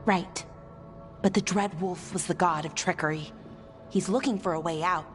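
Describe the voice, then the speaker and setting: A woman's voice: on the low side, fairly even intonation, moderate pace, over music, close to an everyday voice. An actress playing a blunt, matter-of-fact female companion in a video game. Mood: wary. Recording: long reverb.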